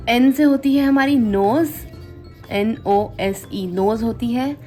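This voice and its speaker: Patient female tutor, slow repetitive delivery, light music bed. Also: fairly high pitch, dark tone. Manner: slow, repetitive, spells out sounds and mnemonics. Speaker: language teacher. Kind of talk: Korean alphabet lesson.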